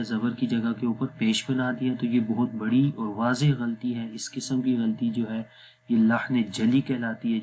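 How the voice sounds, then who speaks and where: A man teaching Quran recitation rules in a patient lesson, often checking whether the listener follows and slowing down to sound out Arabic words. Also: mid-range voice, a little mellow, a little hiss or hum. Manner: patient, repeats "theek hai?" to check understanding. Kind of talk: explanatory lesson.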